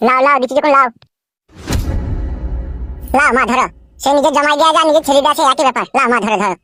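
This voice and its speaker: A woman's voice: high voice, quick pace, a bit bright, faint music behind. A woman voicing a pushy young suitor who coaxes an older woman in a comic cartoon. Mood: coaxing. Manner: coaxing, repeating "mother". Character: smooth-talking young suitor, wheedling and pushy.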